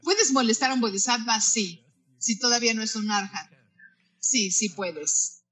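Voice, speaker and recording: Bright-toned teacher with halting, repeating delivery. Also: mid-range voice, expressive, slightly rough, rough recording. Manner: halting, often repeats and restarts words mid-phrase; addresses listeners directly with questions and asides. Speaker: Buddhist teacher. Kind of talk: spoken teaching on Buddhist practice.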